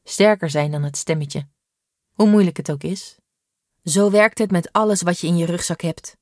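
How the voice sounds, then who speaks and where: A woman voicing a calm, patient mother who explains things gently in a read-aloud story. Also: on the low side, normal speed, no echo, clean studio sound, lightly acted. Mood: firm.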